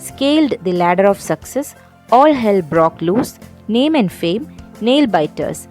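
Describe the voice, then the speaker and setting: A woman teacher with a Malayali accent going through exam questions, reading English options slowly and explaining in quick asides. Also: on the low side, darkish tone.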